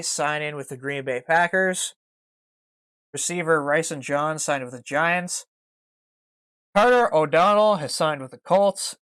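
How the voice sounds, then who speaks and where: Smooth-voiced man hosting. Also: on the high side, fairly bright tone, no room sound. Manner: reads news items then riffs on them. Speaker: podcast host. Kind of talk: casual sports podcast chat.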